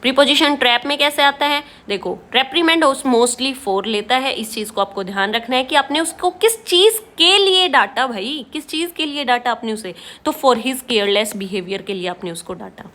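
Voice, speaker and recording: A high-pitched woman with an Indian accent leads an exam-prep vocabulary lesson. She explains words in Hindi, then reads English example sentences slowly and deliberately. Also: pushed and bright.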